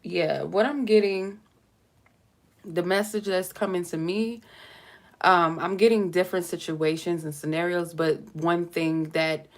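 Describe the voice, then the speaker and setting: A woman's fairly low, steady voice moves at a measured pace as she does a relaxed tarot reading on camera. The reading meanders, and she keeps it talkative with light humor. A cold makes her sound stuffy.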